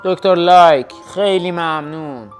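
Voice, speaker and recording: A man acting as narrator, moderating a social deduction game with brisk announcements. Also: high-pitched, soft background music.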